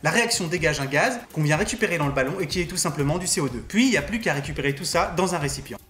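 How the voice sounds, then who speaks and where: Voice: mid-range voice, animated, racing, fairly bright tone. A science presenter giving scripted explanations of demonstrations. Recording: roomy echo under music.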